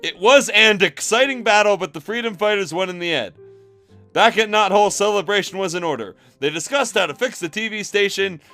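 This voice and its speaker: A man with a high-pitched, fairly quick, pushed and bright voice reads fan fiction aloud on a casual stream. He reads theatrically and mockingly, given to giggles and asides, with music playing behind him.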